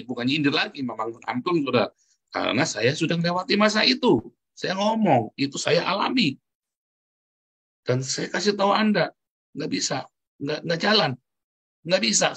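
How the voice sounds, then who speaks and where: A man preaches with a husky, slightly breathy voice at an ordinary pitch. He speaks emphatically but candidly, like someone sharing his own experience from the pulpit. He keeps turning to address his listeners directly. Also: a bit bright. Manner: candid, conversational preaching with personal stories. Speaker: pastor. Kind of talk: sermon.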